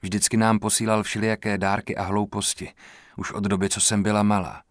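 A man voicing a shaken young woman who speaks quietly and thoughtfully, as a character in an audiobook reading. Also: on the low side, level tone, dry recording, studio quality, close to an everyday voice. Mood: quiet, subdued.

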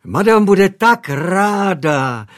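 A man's voice: high voice, expressive, pitched above the performer's own voice. A man doing an eager chattering housemaid. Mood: fussing. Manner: fussing, talkative.

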